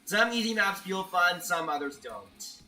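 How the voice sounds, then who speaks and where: A man with a high-pitched, animated voice streams a game and chats with his viewers at a measured pace, his tone sharp and his mic distant. A streamer and level maker, he reads viewer chat in a casual live-stream style, often stammering and restarting his sentences.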